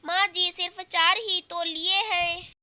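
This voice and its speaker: A woman voicing a hurt young daughter-in-law who pleads quietly and later answers back with pointed sarcasm. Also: very high-pitched, flat delivery, slow, heavily acted.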